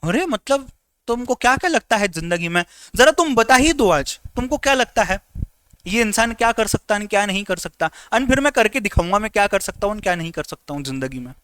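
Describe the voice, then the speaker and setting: Lively, teasing high-voiced male teacher. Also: fairly quick, smooth, no echo. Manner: lively, teasing, repeats instructions. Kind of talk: live online lecture.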